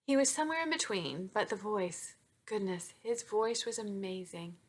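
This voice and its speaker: A woman's voice: mid-range voice, expressive, normal speed. A woman author, chatty and self-deprecating, reading from her own romance novel into a webcam. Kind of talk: chatty intro then novel reading aloud.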